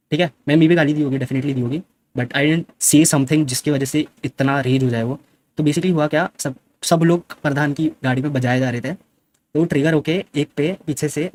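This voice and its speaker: A young male streamer tells his side of a fight at a rapid clip. His voice sits a little high, and he argues defensively, often dropping into English. A faint hum of background noise runs under the recording. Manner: fast, defensive retelling with many English words. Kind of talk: casual storytelling.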